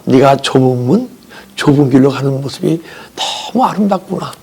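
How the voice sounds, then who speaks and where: A man voicing God's gentle, loving words, quietly and tenderly, lower than his own speech. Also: animated, moderate pace, slightly rough. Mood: tender hushed. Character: gentle loving divine father voice, male.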